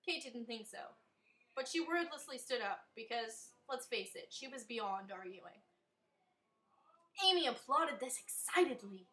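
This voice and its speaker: A woman's voice: fairly high pitch, lively intonation, unhurried, pushed and bright, rough recording. A woman reading her own story aloud in a wry, amused way.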